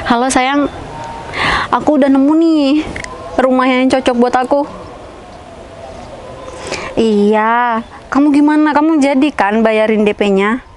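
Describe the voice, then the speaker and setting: A woman acts out a talkative young house-hunter in a homemade skit, muttering to herself and pressing her partner on the phone in a fairly high voice. A faint hiss of background noise stays underneath. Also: takes it slowly, long pauses, a little mellow. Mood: chatty. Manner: chatty, talks to herself and on the phone. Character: chatty young woman hunting for a house, bossy. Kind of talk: amateur skit acting.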